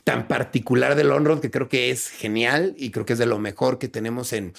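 A man's voice: medium pitch, moderate pace, vocal fry. A Mexican man hosting a podcast in casual chat, encouraging his guest and chiming in with short replies. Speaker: podcast host.

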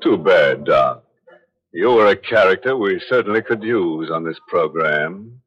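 An actor playing a sardonic, ghoulish horror show host in the theatrical style of an old radio announcer, full of macabre wisecracks. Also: male voice, sits low, lively intonation, a little slow, fairly bright tone, breathy edge, exaggerated voice. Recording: muffled old radio broadcast, background music.

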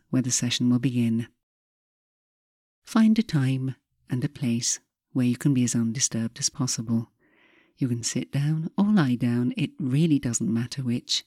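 A woman speaking as a hypnotherapist host, giving guided relaxation in a soft, breathy voice with a calm, measured, soothing delivery and frequent pauses. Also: a bass voice, no echo, studio quality.

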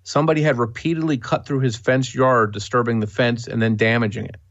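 A man co-hosting a podcast, reading a scripted true-crime narration in a steady, matter-of-fact way. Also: medium pitch, fairly quick, lo-fi sound. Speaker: podcast co-host.

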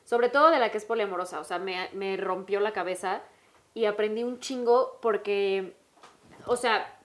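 A woman podcast host with a Mexican Spanish accent who tells stories in an animated, slangy, emphatic way. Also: mid-range voice, normal speed. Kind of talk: casual podcast chat.

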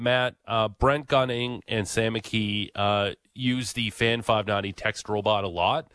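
Chatty low-voiced sports radio host. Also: male voice, fairly bright tone, no echo. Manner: chatty, opinionated, many fillers. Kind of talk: casual sports radio talk.

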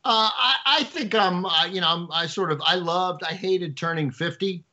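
A man's voice: sits high, normal speed, bright, forceful tone. A man in his fifties with a New Jersey accent, co-hosting a talk show, who teases dryly and hesitates often with fillers. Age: 50s. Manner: dry teasing, hesitant with many fillers. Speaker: podcast co-host. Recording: dull lo-fi remote audio.

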